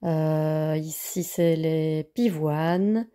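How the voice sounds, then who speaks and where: A woman's voice: low voice, very slow, warm tone. A woman vlogger casually reviewing books, hesitant with many fillers.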